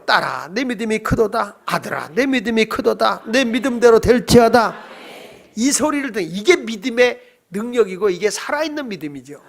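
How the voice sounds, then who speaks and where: Gravelly-voiced male pastor preaching. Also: extremely high pitch. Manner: animated, quizzes the congregation. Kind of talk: sermon. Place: church service.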